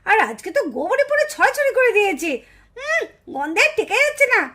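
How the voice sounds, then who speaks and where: A woman puts on a quarrelsome village mother with a piercing, very high voice, always ready to pick a fight. She scolds and complains loudly, her words sharp and insistent. It is pure doll-show drama. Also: big pitch swings, quick pace, full character voice. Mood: indignant. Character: shrill quarrelsome village mother, easily enraged.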